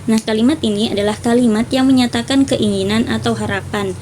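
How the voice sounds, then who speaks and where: A young woman presenting a class topic, reading her points in a steady list. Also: a little high, fairly quick, slight background noise. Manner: steady listing of points, clears throat. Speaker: student presenter.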